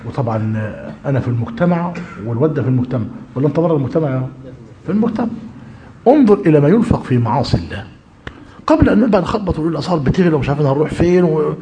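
Animated Egyptian sheikh in echoing hall. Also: male voice, on the high side, very fast, lo-fi sound. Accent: Egyptian Arabic. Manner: animated, shifts between formal classical and colloquial, checks in with listeners. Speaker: Islamic religious teacher. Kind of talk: religious lesson to students.

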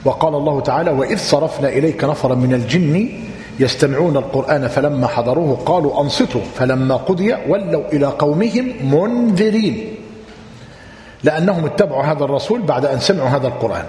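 A man teaching a religious text, repeating points slowly and quizzing his listeners. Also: medium pitch, darkish tone, slight background noise. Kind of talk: lecture explaining a text. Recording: echoey hall.

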